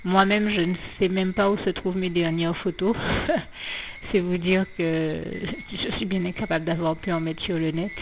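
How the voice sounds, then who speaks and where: Speaking slowly and flatly, a woman with a fairly low voice gives an anonymous faith testimony, stumbling through hesitations, fillers and restarts with a slight frog in her throat. The audio is thin and tinny, like a phone call, with faint background noise.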